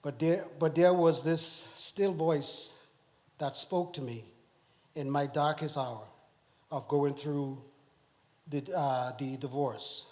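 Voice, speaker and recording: A middle-aged man from the Bahamas giving a personal testimony in church, speaking haltingly with many restarts. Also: fairly high pitch, darkish tone. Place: church sanctuary.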